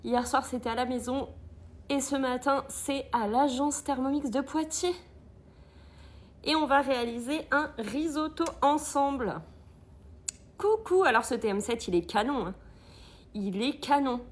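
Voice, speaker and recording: A woman's voice: high-pitched, unhurried, long pauses. A woman hosting a live cooking stream from an agency kitchen, chatting with viewers, greeting them often and reading their comments aloud.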